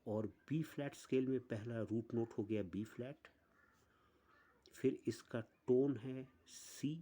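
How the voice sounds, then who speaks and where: Guy teaching music online, talks slow and walks through it step by step, warm low-key voice. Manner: slow, step-by-step explaining with pauses.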